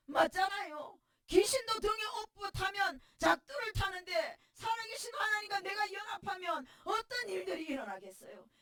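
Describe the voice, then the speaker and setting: A middle-aged woman pastor with a Gyeongsang accent gives a tearful testimony sermon, often breaking into shouts. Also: extremely high pitch. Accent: Gyeongsang dialect. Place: church sanctuary. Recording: voice distant from the mic.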